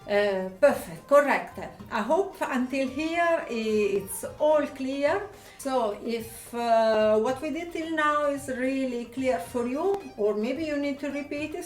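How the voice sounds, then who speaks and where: Slow-spoken Italian woman teaching dance. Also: on the high side, a little mellow. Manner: calls out counts and step cues while dancing. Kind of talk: dance lesson instruction. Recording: echoey room, distant mic, faint music.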